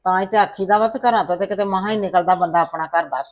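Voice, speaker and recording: Woman playing a deep-voiced calm mother-in-law, preachy but gentle, family drama. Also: fast talker, natural voice. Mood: soothing. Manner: calm, soothing, calls her "son". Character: patient older mother-in-law, soothing and preachy.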